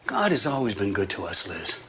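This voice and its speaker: A stern, old-fashioned father who scolds his grown daughter. His pitch swings widely as he lectures. A faint hiss sits behind him. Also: huge pitch swings, a little fast, sharp tone, full character voice.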